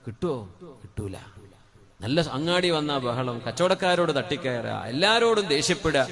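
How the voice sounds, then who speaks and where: A man's voice: a little high, sing-song, moderate pace, fairly bright tone. A man with a Malayali accent giving a sermon into a microphone, chanting Arabic phrases in a sung tone and then explaining them in plain speech. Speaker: preacher.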